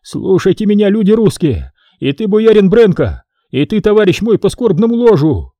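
Male reader doing a whiny, sobbing priest, pitched way up, mellow dark tone. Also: big pitch swings, moderate pace, dry recording, heavily acted. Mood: pleading. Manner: whining, sobbing, high-pitched pleading. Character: wailing cowardly captive male priest, a poisoner. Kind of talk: audiobook character voice.

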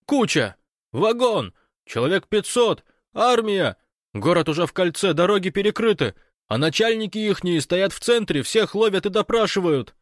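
High yelling phone caller, a male reader voicing him, dry close sound. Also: very animated, moderate pace, no room sound. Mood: excited shouting. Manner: loud, shouting, cheerful. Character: excitable man on a phone line, shouting news.

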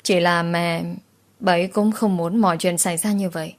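A woman voicing a young husband who speaks gently and tries to calm his wife. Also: lowish voice, normal speed, lightly acted. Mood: placating. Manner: gentle, placating.

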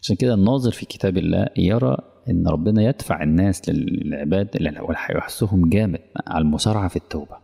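A man's voice: low voice, fast talker, gravelly, warm tone, breathy edge, long reverb tail. A male preacher with an Egyptian Arabic accent, giving a colloquial religious lesson in a conversational way, often checking that his audience follows. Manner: conversational, quizzing the audience, mock dialogues.

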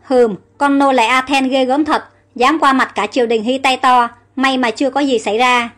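A woman's voice: high-pitched, steady tone, normal speed, a bit bright. A woman voicing an older army captain who reports formally to his king.

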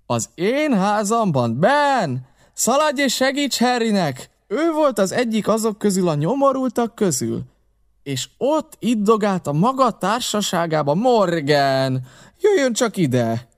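A man voicing a blustering one-legged male pirate cook, speaking loudly and theatrically, often drawing his words out slowly. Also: medium pitch, clean tone, natural voice. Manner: loud, theatrical, drawn-out and slow.

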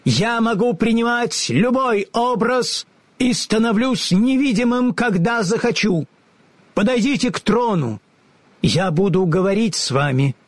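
A storybook wizard, as a male narrator puts him on, speaking in a raised, shaky voice that swings between pomp and panic. The tone is breathy and close, with no room around it. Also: lively intonation, measured pace, no room sound. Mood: solemn. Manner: solemn booming, then fussy and pleading. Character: grand mysterious male wizard, later a frightened little old man.

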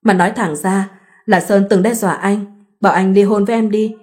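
A woman voicing an easygoing young husband who speaks calmly and reasons patiently in a read-aloud story. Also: high-pitched, fairly quick, lightly acted. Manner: calm, reasoning.

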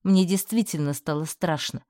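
A woman narrating a first-person fantasy novel in a steady, expressive storytelling manner. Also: on the low side, normal speed, dry recording, clean studio sound. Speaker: audiobook narrator.

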